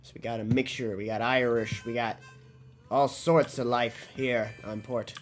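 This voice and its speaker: A man's voice: mid-range voice, steady tone, unhurried, soft background music. Man musing through casual game commentary. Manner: musing aloud, sweary. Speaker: game streamer.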